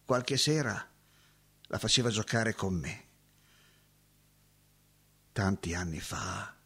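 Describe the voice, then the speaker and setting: An actor playing a heartbroken former woodsman, moving from hushed remembering to anguished cries. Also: medium pitch, lively intonation, measured pace. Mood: wistful. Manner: emotional, swinging from hushed recollection to anguished cries. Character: heartbroken former woodsman haunted by lost love. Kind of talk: dramatic acting.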